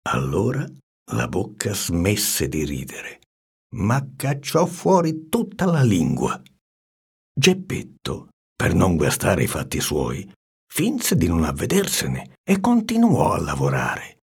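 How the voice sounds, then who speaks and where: A man reading a storybook aloud with an expressive, swinging delivery and hushed asides. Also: low voice, slow pace, gravelly, husky.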